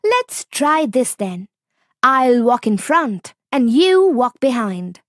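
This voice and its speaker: A woman voicing a small, sly, clever male fox in a storybook reading, high and boastful. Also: big pitch swings, takes it slowly, a bit bright, no room sound, studio quality, heavily acted.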